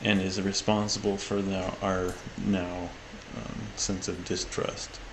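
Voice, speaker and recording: Man, tabletop player, lowish voice, vocal fry, casual role-play delivery, noisy home recording. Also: flat delivery, takes it slowly.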